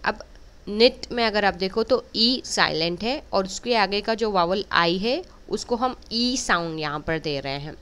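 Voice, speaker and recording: A woman teaches spelling to kids, explaining each word in slow, even steps. Her voice is smooth and crisp. She speaks at an unhurried pace, like a patient teacher. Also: mid-range voice. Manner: clear, careful teacher-like explanation, slow drawn-out English words. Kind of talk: bilingual spelling lesson.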